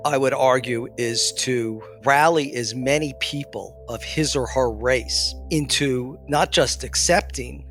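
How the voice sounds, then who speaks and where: A man's voice: medium pitch, a bit bright. A man answering as an expert guest in an articulate, emphatic way. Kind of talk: interview answers.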